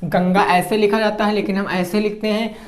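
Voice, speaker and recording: A man's voice: sits high, little pitch movement, normal speed. A male teacher giving an exam-prep grammar lesson, who asks a question, answers it himself, stretches his example words and keeps checking that students follow. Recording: echoey room.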